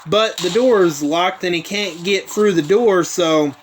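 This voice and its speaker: A man's voice: sits high, a little slow, a little hiss or hum. A man hosting his own show, recapping events in a rambling casual way with many asides. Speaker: host.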